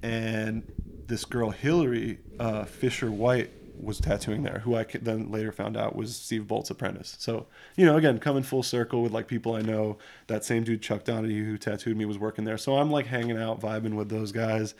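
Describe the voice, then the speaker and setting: A man's voice: lowish voice, steady tone, moderate pace, a little mellow, dry recording. A young man telling stories in a casual chat, rambling and slangy, packing every sentence with fillers and swearing. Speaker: guest telling tattoo stories.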